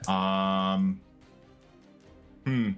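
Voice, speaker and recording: Slow, low-pitched man thinking aloud. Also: fairly even intonation, fairly bright tone, soft background music. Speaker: player in a tabletop game. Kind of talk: casual game talk.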